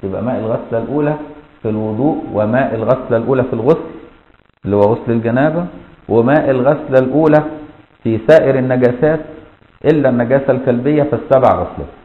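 A man's voice: mid-range voice, racing. A man with an Egyptian Arabic accent teaching a colloquial classroom lesson, explaining step by step and often checking that listeners follow. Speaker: Islamic jurisprudence teacher. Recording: echoey, dull lo-fi room recording.

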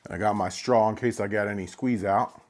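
A middle-aged woodworking host rambles casually with self-deprecating humor while working in his small garage workshop, giving how-to vlog talk on a clip-on mic. His lowish voice is fairly even in intonation, a little fast and a little mellow.

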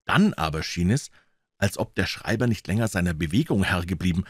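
A man reading a classic novel aloud as an audiobook narrator, in an expressive, dramatic way. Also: low-pitched, fairly quick, slightly rough, no echo, clean studio sound.

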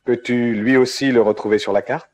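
A man narrating a fairy tale in a measured, storybook manner. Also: medium pitch, steady tone. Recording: loud music behind the voice.

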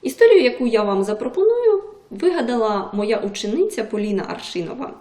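A woman's voice: on the high side, brisk, echoey room. A woman video tutor explaining a lesson, stressing her example words. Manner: lively, emphatic on example words.

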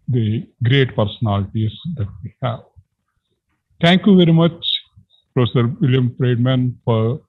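An older man with an Indian accent gives a formal vote of thanks in a deliberate, halting way. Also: medium pitch. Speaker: event organiser giving vote of thanks. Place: indoor room, on a video call. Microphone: computer mic on video call. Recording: tinny, phone-like video call audio.

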